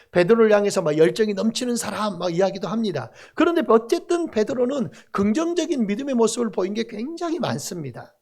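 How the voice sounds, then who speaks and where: Pastor, male, high and very expressive pitch, sermon with call-and-response. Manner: animated preaching with call-and-response to the congregation. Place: church sanctuary.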